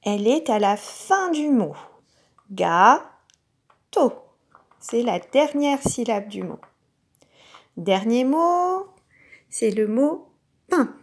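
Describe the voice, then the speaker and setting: A woman teacher giving a recorded lesson to young children, speaking patiently and sounding out each syllable clearly. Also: a little high, expressive, takes it slowly, long pauses, a little mellow. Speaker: kindergarten teacher.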